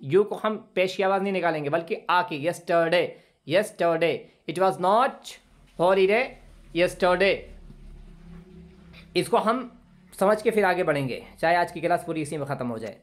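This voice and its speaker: Man teaching english grammar, patient, says example lines over and over slowly. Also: high voice, animated. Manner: patient, repeats phrases slowly for students. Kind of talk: classroom lesson explaining grammar.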